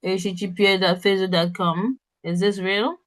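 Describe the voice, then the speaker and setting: A woman's voice: medium pitch, steady tone, moderate pace. A woman instructor running an interactive workshop, spelling out web addresses and often checking in with her audience.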